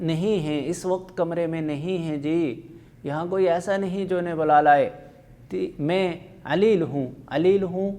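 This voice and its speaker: A bedridden husband, weary and irritable, grumbles in a weak, groaning voice, read by a male teacher. The voice sits a touch high for a man, and his complaints drag along. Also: a little mellow, natural voice.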